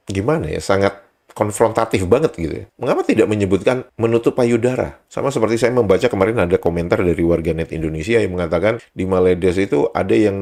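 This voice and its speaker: A man's voice: low voice, darkish tone. A man hosting a commentary monologue, mocking and firing off rhetorical questions. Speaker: host.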